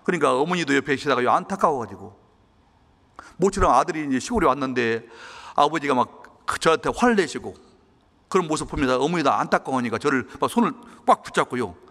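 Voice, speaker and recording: A man's voice: fairly high pitch, animated, fast, a bit bright. A male pastor gives a sermon in a church. He tells a personal story in an earnest, emotional way. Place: church hall. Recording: long church-hall reverb.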